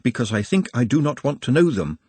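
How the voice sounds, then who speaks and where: A man's voice: mid-range voice, big pitch swings, brisk, a little mellow, breathy edge, no room sound, pitched above the performer's own voice. A man voicing a polite, anxious young male goblin who speaks formally and stutters slightly. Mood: earnest, worried.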